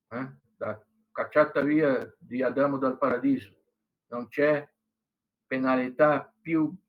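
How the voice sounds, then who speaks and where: Older man, professor giving a lecture, chatty teacher, slightly high voice, drops in Italian phrases. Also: poor audio. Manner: conversational, asks "né?" and "entendeu?" often. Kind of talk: lecture to students.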